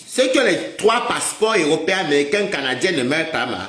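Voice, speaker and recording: A man's voice: fairly high pitch, very animated, fast, fairly bright tone. Agitated guy ranting on a livestream, mocking his viewers, voice swinging all over, echoey room. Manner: mocking, scolding, repeatedly addresses viewers as maman. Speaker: livestream host. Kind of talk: heated livestream rant to viewers. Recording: roomy echoey sound.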